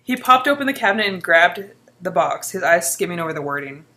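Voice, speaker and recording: Reading a book excerpt aloud in an informal way, a woman speaks fairly quickly in a lowish, very animated voice that sounds pushed and bright. She's playful and giggly, often breaking off for spontaneous asides.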